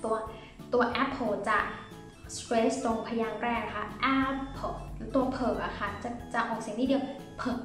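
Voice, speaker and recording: A woman's voice: on the high side, fairly even intonation, moderate pace, distant mic. A woman from Thailand teaching a phonics lesson, repeating each word and explaining where each sound is made in the mouth. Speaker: English pronunciation teacher. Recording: very echoey room with faint music.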